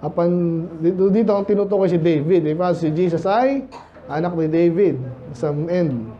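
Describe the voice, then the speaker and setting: A pastor from the Philippines giving a conversational sermon, asking many rhetorical questions and reading Bible verses slowly in English. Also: male voice, high-pitched, highs cut off, slight background noise.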